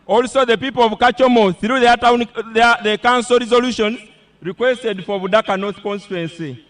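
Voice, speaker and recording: A Ugandan-accented man giving a formal, deferential public address at a political rally, somewhat halting. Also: very high voice, a bit bright. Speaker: local political leader addressing the president. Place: public rally, speaking through a microphone.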